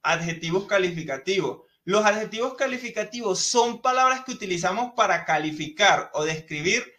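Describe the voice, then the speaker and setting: Bright-voiced Spanish-speaking English teacher. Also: male voice, high-pitched, lively intonation, normal speed. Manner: explanatory, checks in with many tag questions. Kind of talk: live online class.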